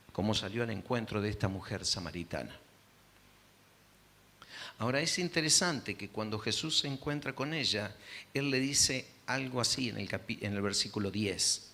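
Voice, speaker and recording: A man's voice: lowish voice, animated, measured pace, bright, forceful tone. A male pastor with an Argentine accent preaching a sermon, telling a story dramatically and acting out the voices. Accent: Argentine Spanish.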